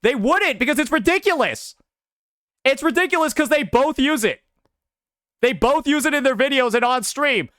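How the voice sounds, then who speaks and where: Animated bright-voiced male streamer. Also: very high voice, normal speed, no echo, studio quality. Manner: animated, slangy, swears often, says "bro" a lot. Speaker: livestreamer. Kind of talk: casual stream commentary.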